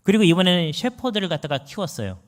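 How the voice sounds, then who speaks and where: A man preaching a sermon as pastor, telling a story in a lively way, with sudden rises and drops in his pitch and volume. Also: quick pace.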